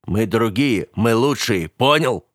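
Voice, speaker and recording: A man voicing a gruff, grumbling male fight trainer in an audiobook, speaking slowly and loudly with a mocking edge. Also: mid-range voice, expressive, no echo, clean studio sound. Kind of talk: audiobook character voice.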